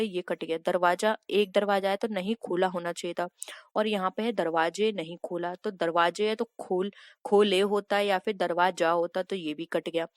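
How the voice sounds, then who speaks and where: A woman's voice: medium pitch, no echo. Woman tutoring in a dry, close voice. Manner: reads out options, then explains the answer patiently. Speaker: exam prep teacher. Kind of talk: solving practice questions.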